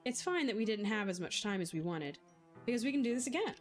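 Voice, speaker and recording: A woman voicing a shy, soft-spoken teenage girl who talks hesitantly and bashfully while reading a visual novel aloud. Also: fairly high pitch, big pitch swings, fast, faint music behind.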